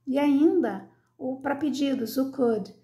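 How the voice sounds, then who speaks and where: A woman's voice: high voice, takes it slowly, warm tone. A Brazilian woman teaching English grammar, patiently repeating her examples and checking in with her listeners as she goes. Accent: Brazilian Portuguese. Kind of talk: explaining grammar to learners.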